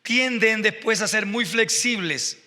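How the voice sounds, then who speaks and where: A man delivering a sermon with a high, bright, forceful voice. He tells stories and builds to fervent emphasis. A long reverb trails his words through a church hall. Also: measured pace. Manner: emotional, storytelling with rising fervor. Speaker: pastor.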